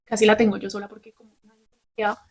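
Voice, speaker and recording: A young adult woman, a podcast host telling a personal story candidly and with animation. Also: mid-range voice. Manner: candid, fast and animated, swears casually.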